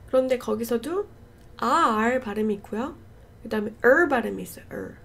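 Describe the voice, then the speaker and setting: A woman's voice: on the high side, creaky, darkish tone. A woman teaching English pronunciation in a video lesson, repeating words for drilling and mixing English into her talk.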